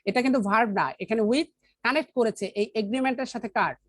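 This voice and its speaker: A woman teaching an English grammar lesson with a Bangladeshi accent, asking questions and answering them herself, reading the English examples slowly. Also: a little high, dry recording.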